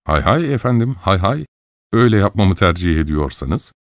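A man's voice: deep voice, sing-song, normal speed, no room sound, clean studio sound. A man voicing a fussy, obsequious middle-aged male clerk in an audiobook, with a deferential, eager-to-please manner.

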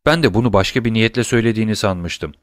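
A man voicing a greedy, scheming innkeeper's wife who speaks in a hoarse, trembling voice. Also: on the low side, animated, quick pace, dry recording, clean studio sound, lightly acted. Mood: suspicious. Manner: coldly goading, menacing.

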